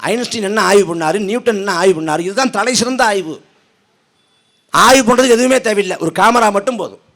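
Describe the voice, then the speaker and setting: A man's voice: sits high, quick pace, fairly bright tone. A man giving a fiery political speech at an outdoor protest rally, sarcastic and mocking, firing off rhetorical questions. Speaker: party speaker at a protest rally.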